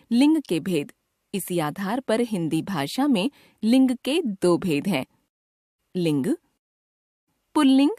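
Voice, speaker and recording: Slow, lively woman teaching grammar. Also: mid-range voice, no echo, clean studio sound. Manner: slow, careful enunciation with an expressive teacherly lilt. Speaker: Hindi grammar narrator. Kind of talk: scripted textbook lesson narration.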